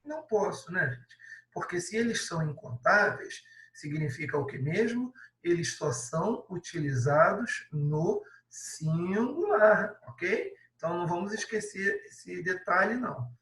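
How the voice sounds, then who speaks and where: Patient Brazilian teacher in an echoey room. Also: male voice, high-pitched, expressive, measured pace, a bit bright, distant mic. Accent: Brazilian Portuguese. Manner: patient, explains step by step, adds many tag questions. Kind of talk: classroom lesson correction.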